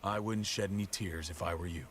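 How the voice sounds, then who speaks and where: Give me a hardened survivor in a story game, voiced by a man, speaking in a deep, gruff voice. He is curt and blunt, with a bitter edge that never lets up. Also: fairly even intonation, brisk, a little hiss or hum, close to an everyday voice. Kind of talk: game voice acting.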